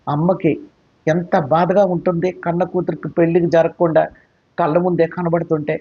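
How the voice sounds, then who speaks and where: A woman's voice: fairly low pitch, dark tone, breathy edge. A man voicing a pushy woman friend who urges and nags insistently, in a slightly muffled recording. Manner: urging, insistent.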